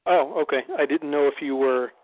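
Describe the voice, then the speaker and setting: A man's voice: on the high side, a little fast, no echo. Middle-aged man on a thin phone line. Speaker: podcast guest. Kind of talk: casual chat on a three-way phone call. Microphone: telephone call. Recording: tinny phone-line sound.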